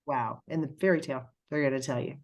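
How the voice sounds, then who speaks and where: Middle-aged female medium, low voice, halting and emotional, lots of pauses. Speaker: spiritual medium. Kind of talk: spiritual reading session.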